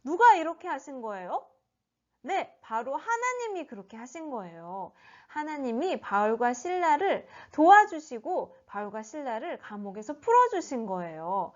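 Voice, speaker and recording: A woman teaching a children's sermon, telling a Bible story in an animated way and asking the children questions. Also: high-pitched, normal speed. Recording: dull lo-fi recording.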